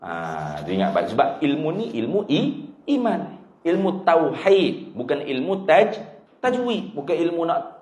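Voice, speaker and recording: Animated Kelantanese Malay religious teacher. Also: male voice, fairly high pitch, a little slow, reverberant. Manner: animated, jokey, drills terms by repeating them. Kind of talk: kitab study class lecture.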